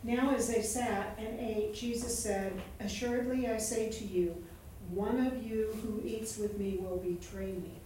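Woman reading scripture out loud, mellow voice, far from the mic in a really echoey room. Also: medium pitch, steady tone, measured pace, slight background noise. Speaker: Bible study participant reading aloud.

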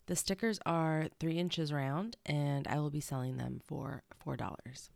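A young woman chats her way through a solo podcast, wandering into asides as she goes. Her voice sits low and sounds stuffed up. The sound is dry, with no room around it. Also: unhurried, vocal fry, darkish tone, no room sound. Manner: rambling, chatty asides. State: stuffy nose. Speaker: podcast host. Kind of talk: casual solo podcast chat.

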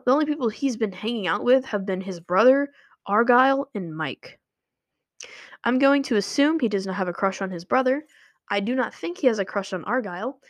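A woman's voice: mid-range voice, dry recording. A young woman chatting casually to her viewers, rambling with lots of filler words. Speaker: vlogger. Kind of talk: casual commentary. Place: home room with running water nearby.

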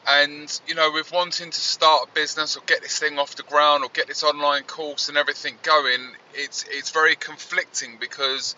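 A man's voice: a little high, little pitch movement, normal speed, few pauses, bright, forceful tone, distant mic, muffled recording. A man hosting his podcast, talking earnestly and reflectively while driving, his voice coming through with a fuzzy distortion. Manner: reflective, earnest, rambling restarts. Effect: fuzzy distorted sound. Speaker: podcast host. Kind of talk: casual spoken monologue. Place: inside a moving car. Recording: distorted, noisy in-car recording. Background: faint road and engine noise.

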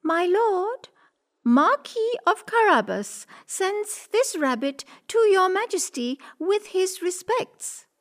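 A woman voicing a clever, scheming female cat who speaks in a high, flattering, pleading way in a storybook reading. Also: slow pace, exaggerated voice. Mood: courteous.

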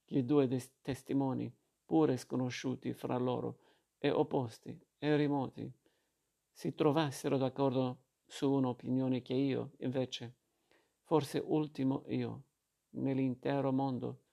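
A man reading a novel aloud in a slow, measured way, with a few restarts. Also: mid-range voice, gravelly, dark tone. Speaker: reader.

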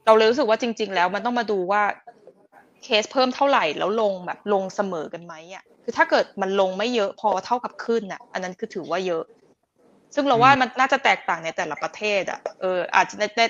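A woman's voice: medium pitch, animated, quick pace, fairly bright tone. A woman hosting a casual podcast chat, thinking aloud in long, rambling turns. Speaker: podcast host. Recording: slightly dull lo-fi sound.

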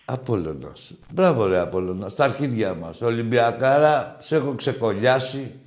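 A man hosting a call-in show, joking crudely with callers, swinging between loud mocking outbursts and low mutters. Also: animated. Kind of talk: crude casual call-in banter.

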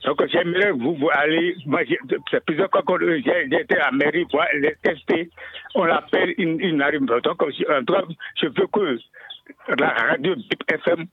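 A man calling in to a radio show, talking haltingly with many fillers and repeated words. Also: on the high side, slightly rough. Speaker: caller. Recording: tinny phone line.

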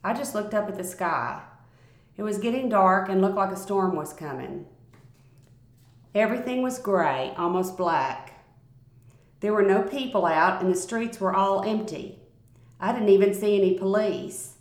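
Woman narrator, calm measured storytelling, mid-range voice, roomy echo. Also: mid-range voice. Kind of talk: first-person storytelling read aloud. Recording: roomy, echoey recording.

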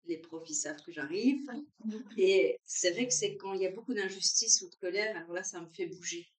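A woman chatting at a brunch, lively, often acting out what others say. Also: on the low side, brisk, far from the mic. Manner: animated, acts out what others say. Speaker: guest sharing her story. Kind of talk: casual chat. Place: room at a brunch. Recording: roomy sound, away from the mic.

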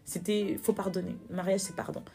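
A young woman in a candid personal interview, speaking earnestly and growing animated when she recounts, repeating words for emphasis. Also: mid-range voice, a little fast, gravelly.

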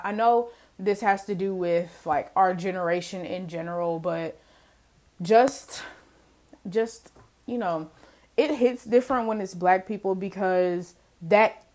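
On her solo podcast, a young adult woman talks casually to her audience and laughs a lot, her voice mid-range and somewhat dark in tone.

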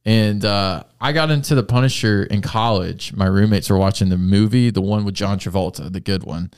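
A man's voice: lowish voice, moderate pace, darkish tone, clear, resonant tone. A man in his twenties hosting a podcast, rambling and joking in casual chat and laughing often. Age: 20s. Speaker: podcast host.

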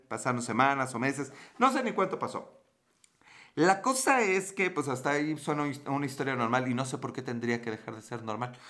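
A young Mexican man hosts a livestream in a mid-range, fairly bright voice. He tells a rambling, slangy story to his live chat, answering messages and laughing often.

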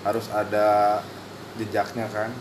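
A man hosting a casual podcast chat, joking and laughing often. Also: measured pace. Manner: joking, animated, bursts into high laughs. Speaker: podcast host. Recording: echoey room with background noise.

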